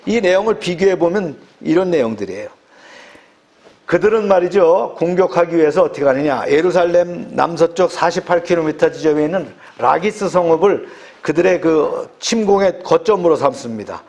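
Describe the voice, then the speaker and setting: A man's voice: on the high side, expressive, moderate pace, darkish tone. A male pastor delivering a sermon, emphatic and dotted with short affirmations. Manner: emphatic preaching, punctuated by frequent short affirmations.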